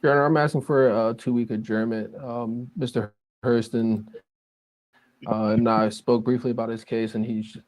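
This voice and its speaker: A man's voice: medium pitch, little pitch movement, normal speed, darkish tone, poor audio. A man speaking as a public defender in a courtroom recording, formally addressing the court.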